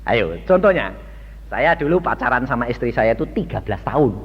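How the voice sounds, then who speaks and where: A man's voice: medium pitch, very animated, fairly quick, slight background noise. An older man preaching a sermon in a folksy, storytelling manner, acting out dialogue and quizzing the congregation. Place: church hall. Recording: lo-fi recording in a reverberant church hall.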